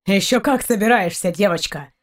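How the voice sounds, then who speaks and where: A woman's voice: mid-range voice, moderate pace, lightly acted. A woman reading aloud, voicing a brash male ship captain who grumbles and speaks curtly. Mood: gruff. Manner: grumbling, curt.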